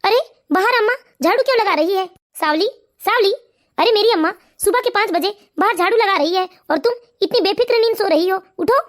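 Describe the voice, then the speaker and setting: Someone voicing a fast-talking cartoon husband. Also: extremely high pitch, fairly bright tone. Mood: puzzled. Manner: pleading, hurried questions. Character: earnest grown son and husband. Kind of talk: animated cartoon voice acting.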